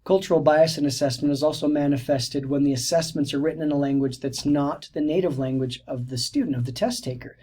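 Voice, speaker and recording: A man's voice: fairly high pitch, fairly quick, hardly any pauses, warm tone. A man narrating a recorded teacher-training lecture, explaining steadily with frequent restarts and fillers. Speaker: teacher educator.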